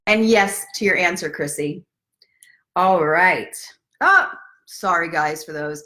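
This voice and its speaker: Her voice is lowish, slow-paced, pushed and bright. In the role of a self-love coach, she hosts a laid-back live story time, speaking straight to viewers with playful encouragement as she chats, leads breathing, and reads a book aloud.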